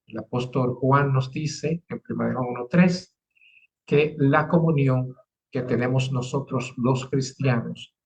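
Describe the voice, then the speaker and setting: A man with a Dominican Spanish accent leading a Bible lesson, reading quotations in a measured way. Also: mid-range voice, gravelly, poor audio. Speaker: Bible study co-host.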